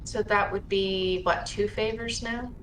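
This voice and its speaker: A woman's voice: medium pitch, steady tone, measured pace, fairly bright tone, roomy sound, a little hiss or hum, low-quality recording. A woman playing a tabletop role-playing game, asking curious, quizzical questions. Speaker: player.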